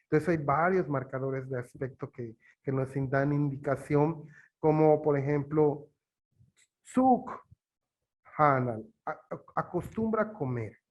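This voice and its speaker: Man, Yucatán Spanish accent, teacher, slightly high voice, unhurried, hesitant fillers. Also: muffled recording. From Yucatán, Mexico. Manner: slow, halting, with many fillers. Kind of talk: explaining in an interview.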